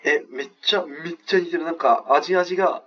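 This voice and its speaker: A man's voice: fairly high pitch, quick pace, sharp tone. A man co-hosting a podcast, telling stories in chatty casual conversation, often laughing and using fillers. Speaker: podcast co-host. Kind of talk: casual chat. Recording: dull sound from away from the mic.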